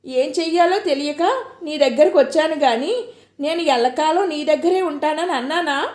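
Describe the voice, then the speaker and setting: A woman voicing a young married woman who is hurt and quick-tempered, speaking in an emotional, reproachful way. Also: high-pitched, lively intonation, dark tone, voice pushed up. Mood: hurt, angry. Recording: echoey room.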